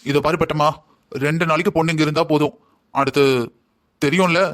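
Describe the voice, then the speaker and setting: Figure: heartless father, cartoon voiced by a man. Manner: callous, taunting. Pace: fast. Pitch: a little high. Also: fairly even intonation, fairly bright tone, lightly acted. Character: greedy heartless middle-aged father. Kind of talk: cartoon story voice acting.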